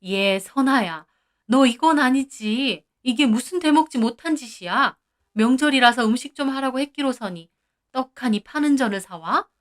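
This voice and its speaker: A woman voicing a stern middle-aged mother-in-law who scolds slowly and reproachfully. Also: high voice, close to an everyday voice.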